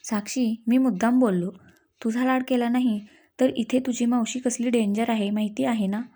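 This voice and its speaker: A woman's voice: on the high side, steady tone, normal speed, mellow, lightly acted. A woman voicing a grumbling but fond older brother in a read-aloud story. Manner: gruff, scolding.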